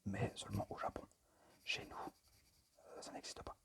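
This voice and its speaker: In a breathy whisper with hardly any voice behind it, a man makes an amateur ASMR video. He halts frequently and sounds tentative, apologetic, and rough around the edges.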